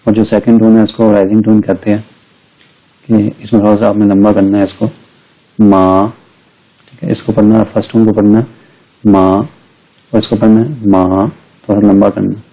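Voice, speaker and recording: A middle-aged man giving a recorded language lecture, patiently explaining step by step and slowly modelling each sound. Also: lowish voice, little pitch movement, mellow, low-quality recording. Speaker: language teacher.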